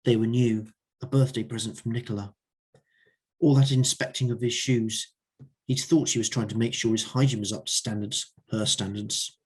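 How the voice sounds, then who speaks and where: A man reads his own story aloud at an open mic night. He narrates wryly in a husky, mid-pitched voice. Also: fairly even intonation, normal speed, a little mellow.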